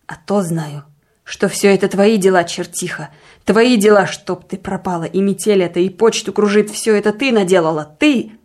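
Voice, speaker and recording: A woman's voice: mid-range voice, normal speed, darkish tone, lightly acted. Woman voicing Savely, a muttering, accusing village sexton. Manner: muttering and accusing, flaring into angry outbursts. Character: grumbling, suspicious village sexton, a man.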